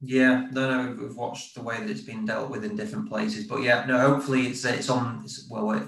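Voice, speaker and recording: A man's voice: mid-range voice, level tone, fairly quick, gravelly, fairly bright tone. A man hosting an interview over a video call, often restarting and repeating words as he asks questions. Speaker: interview host. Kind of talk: interview conversation. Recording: roomy sound from far off the mic.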